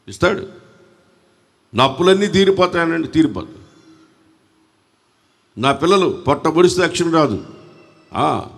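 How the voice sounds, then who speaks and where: A man's voice: fairly high pitch, in a large hall. A man with a Telugu accent preaching a sermon at a church service, fervently calling on the congregation to respond. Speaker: pastor.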